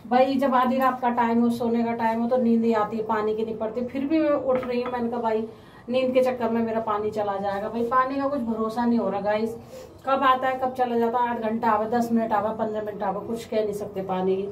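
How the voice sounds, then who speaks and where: Woman doing a home vlog, kinda high voice, talking slow w mouth ulcers, roomy echo, faint noise behind. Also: fairly even intonation, distant mic. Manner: chatty, often addresses viewers as guys. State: mouth ulcers, speaking slowly. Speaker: family vlogger. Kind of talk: casual home vlog chat.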